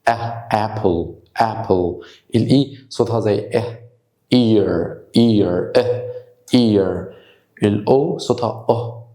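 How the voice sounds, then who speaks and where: Egyptian male English teacher, mellow low voice, drills sounds slowly, reverberant room. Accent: Egyptian Arabic. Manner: repeats example words slowly, sounding them out. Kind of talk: spoken grammar lesson.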